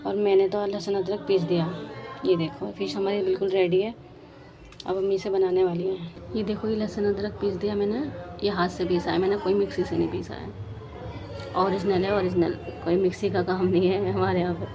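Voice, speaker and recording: A woman's voice: medium pitch, little pitch movement, fairly quick, crowd noise. A woman chatting straight to her viewers in a casual home cooking vlog, talking from her kitchen. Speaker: vlogger.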